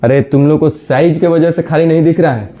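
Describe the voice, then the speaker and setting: Scolding teacher. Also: male voice, on the high side. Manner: scolding, brisk, addresses students directly. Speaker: reasoning teacher. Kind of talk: classroom lecture. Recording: dull lo-fi sound.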